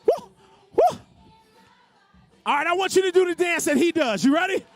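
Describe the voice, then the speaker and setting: This very high-pitched man swings widely in pitch at a normal speed as he hypes a live dance contest. He shouts exuberantly, whooping and repeating phrases to rouse the crowd, over loud background music.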